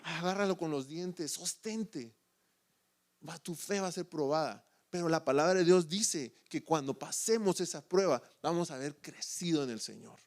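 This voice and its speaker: A man preaching a sermon as presiding elder, animated and asking the congregation rhetorical questions. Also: a little high, normal speed. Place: church service.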